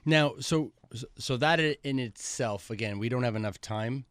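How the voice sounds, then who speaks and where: A man hosting a football interview show in a studio, excitable and rambling as he introduces and questions his guest. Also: moderate pace, clean tone, dry recording. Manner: excitable, rambling introductions with big pitch swings. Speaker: podcast host. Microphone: studio microphone.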